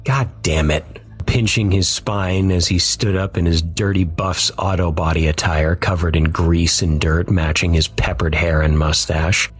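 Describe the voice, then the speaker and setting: Male narrator, scripted dark fiction, measured and somber, husky voice, soft music underneath. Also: low voice, fairly even intonation. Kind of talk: scripted narration of a dark first-person story.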